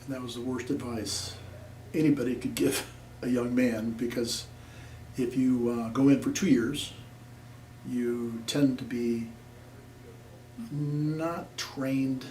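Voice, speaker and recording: This is an older man from Nebraska, USA, a veteran being interviewed for an oral history. His mid-range voice is steady, slow and a little mellow, and his plainspoken talk rambles with frequent fillers. The mic is distant, the room echoey, and there's faint noise.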